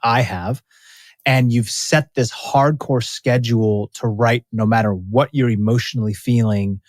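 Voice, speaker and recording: A man's voice: mid-range voice, fairly even intonation, measured pace, no echo, studio quality. A man speaking as a podcast guest about his years as a racing athlete, earnest and emphatic, often restarting his sentences. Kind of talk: casual interview conversation.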